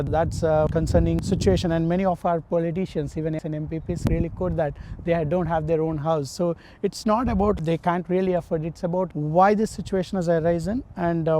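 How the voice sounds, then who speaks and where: A man from India, giving earnest interview answers as a political candidate, often pausing on "uh" and restarting his sentences. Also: on the high side, warm tone, slight background noise, poor audio. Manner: earnest, halting, with frequent "uh" fillers and restarts.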